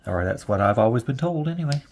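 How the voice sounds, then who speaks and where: A man's voice: medium pitch, expressive, fast, a little mellow. A man in his forties chatting casually while he knits, rambling and chuckling often. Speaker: knitting vlogger. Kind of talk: casual chat while knitting.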